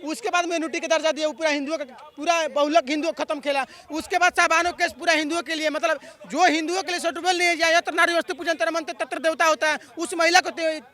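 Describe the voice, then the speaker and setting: Fiery high-voiced man on the street. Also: fairly even intonation, fast talker, hardly any pauses, pushed and bright. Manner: fiery, rhetorical, chant-like slogans. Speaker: street interviewee. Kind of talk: heated political vox pop.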